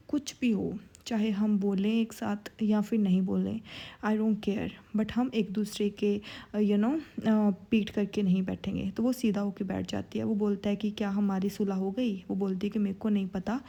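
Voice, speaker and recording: A woman's voice: medium pitch, level tone, normal speed, creaky, warm tone, muffled recording. A young woman casually retelling a drama scene by scene, quoting each line of dialogue with her own asides. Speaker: drama recap narrator. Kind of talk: casual storytelling recap.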